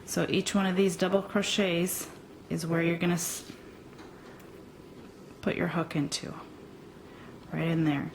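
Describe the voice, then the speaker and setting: Slow, hesitant woman teaching crochet. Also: lowish voice, steady tone, a little hiss or hum, low-quality recording. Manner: slow, hesitant with frequent ums, talking while working. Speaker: crochet instructor. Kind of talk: step-by-step tutorial.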